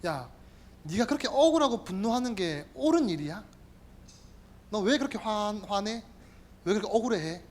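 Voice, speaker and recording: A male pastor voicing God as a stern but loving voice that questions and urges a prophet, in a quieter tone, with music behind. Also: sits high, expressive, moderate pace, long pauses. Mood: questioning. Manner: blunt, questioning, speaks down to the listener. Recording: instrumental music playing behind.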